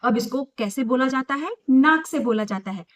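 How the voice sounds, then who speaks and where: A young woman with a slightly high voice gives a lesson to small children. She talks in an emphatic, sing-song way. She asks questions and answers them herself. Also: animated, moderate pace. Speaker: teacher.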